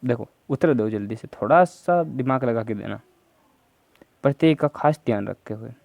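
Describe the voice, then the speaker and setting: A man's voice: mid-range voice, normal speed, vocal fry, a little mellow, dry recording. A man teaching Hindi grammar for an exam, going through answer options step by step and prompting viewers to answer. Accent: Rajasthani. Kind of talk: exam prep lesson.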